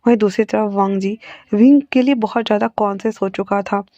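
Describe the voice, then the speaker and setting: Woman, casual story narration, chatty asides, warm mellow voice. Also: mid-range voice, fairly even intonation, fairly quick, no room sound, muffled recording.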